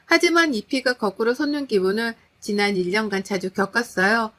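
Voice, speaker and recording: A woman's voice: a little high, moderate pace, fairly bright tone. A woman narrating a first-person story in an indignant, dramatic manner.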